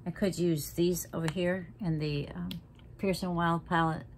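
A woman in her 60s, a makeup vlogger, chats frankly and feistily while doing her makeup in her living room at home, sometimes dropping to a half-whisper. Her voice is fairly low and steady and a little slow. The camera sits close in front of her, and there's slight background noise.

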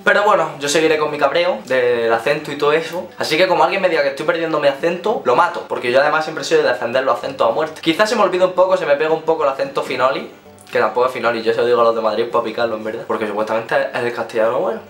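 A man's voice: fairly high pitch, very fast, a bit bright. A young man with an Andalusian accent from Almería and a slight cold, ranting comically and casually to camera in colloquial, exasperated style. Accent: Andalusian Spanish, from Almería. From Almería, Andalusia, Spain. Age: young adult. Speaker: video blogger. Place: small room at home, indoors. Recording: roomy indoor echo.

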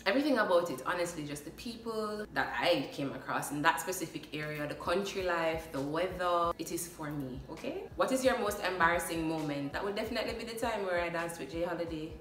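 An animated young Jamaican woman talks fairly quickly and hardly pauses in a casual get-to-know-me vlog, fairly low in pitch but a bit bright, laughing a lot and sliding into patois. Her phone camera, a short distance away in a small room, yields a reverberant, distant sound with a little hiss or hum.

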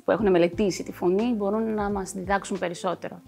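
A woman's voice: mid-range voice, steady tone, vocal fry, dark tone, faint music behind. A woman working as a voice coach, explaining her work in a TV talk show interview with many fillers.

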